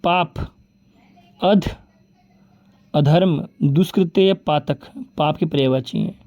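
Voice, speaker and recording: A man with a Rajasthani Hindi accent and a fairly high, darkish voice teaches an exam-prep vocabulary lesson in a muffled recording. He reels off word lists rapidly, repeatedly saying "ठीक है" and "बोलते हैं", and addresses viewers as "दोस्तों" and "भाई".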